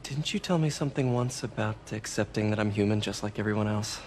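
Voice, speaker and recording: A man's voice: on the low side, fast talker, darkish tone, a little hiss or hum, natural voice. A young American man playing an earnest, wisecracking superhero in a video game, conversational and self-deprecating. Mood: gentle concern. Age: young adult. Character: earnest, wisecracking 23-year-old male superhero. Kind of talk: naturalistic video game acting.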